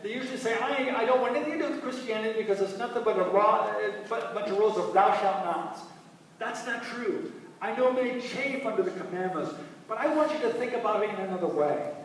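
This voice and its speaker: A man's voice: high voice, a little hiss or hum. A man preaching a sermon to a congregation, reading scripture aloud and asking his listeners questions. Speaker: pastor. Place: church sanctuary. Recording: echoey church hall, mic from a distance.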